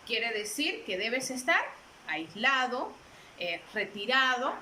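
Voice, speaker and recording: A woman teacher explains a lesson patiently, repeating herself and quizzing her listeners. Her voice is high and bright, and she speaks at an unhurried pace. The sound is roomy, with faint noise behind her. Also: very animated. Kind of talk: classroom lesson.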